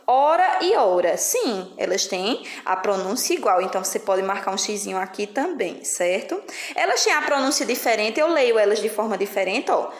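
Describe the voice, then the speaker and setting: A woman's voice: medium pitch, big pitch swings, echoey room. A woman with a Brazilian Portuguese accent, teaching a children's lesson patiently and checking in with the listener often. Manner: patient, explaining slowly with frequent "né?" and "certo?" checks. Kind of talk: recorded classroom lesson.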